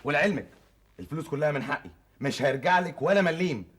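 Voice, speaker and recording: A man's voice: fairly high pitch, animated, fast talker, a bit bright, slightly rough. A young man playing a cocky, cheeky thief in an Egyptian stage comedy, speaking Egyptian Arabic. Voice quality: cheeky, teasing.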